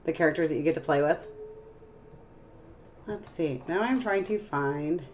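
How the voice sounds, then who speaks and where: A woman streamer chatting casually on a live stream, tired and a bit hoarse, rambling as she searches for words. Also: low voice, moderate pace, darkish tone, a little hiss or hum. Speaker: game streamer.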